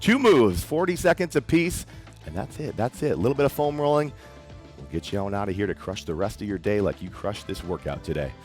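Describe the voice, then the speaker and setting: A man's voice: on the low side, expressive, a little fast, a little mellow. A man leading a workout class as fitness coach, giving encouraging instructions and counting down each exercise. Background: faint background music.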